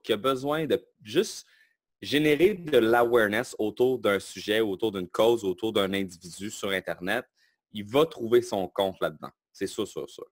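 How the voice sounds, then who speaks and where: Québécois man, low and dry. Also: no echo. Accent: Québécois French. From Quebec, Canada. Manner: lively, self-assured, explains plainly. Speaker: guest, online marketing entrepreneur. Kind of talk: casual interview talk.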